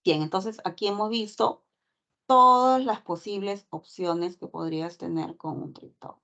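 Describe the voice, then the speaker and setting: A woman's voice: medium pitch, unhurried, pushed and bright. A woman teacher giving a class lecture, explaining step by step and checking in with constant tag questions. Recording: dull lo-fi recording.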